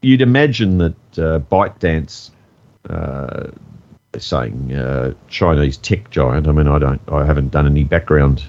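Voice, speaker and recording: A man co-hosting a podcast, talking in a measured, hesitant way with many pauses. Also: very deep voice, lively intonation, darkish tone, dull audio. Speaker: podcast co-host. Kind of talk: casual chat.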